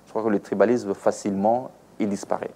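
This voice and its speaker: Speaking a little fast with fairly even intonation, this man has a low-leaning, dark voice with a breathy edge. He is from the Democratic Republic of the Congo, has a Congolese French accent, and gives explanatory, teaching-style interview answers as an aviation expert, using examples and rhetorical questions.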